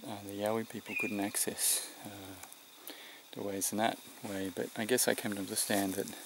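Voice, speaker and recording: A middle-aged Australian man, tired and short of breath, speaking off the cuff to camera in a halting, reflective way. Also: fairly low pitch, level tone. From New South Wales, Australia. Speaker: vlogger. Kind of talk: unscripted vlog to camera. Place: outdoors in the mountains. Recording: noisy outdoor recording, rural background sounds.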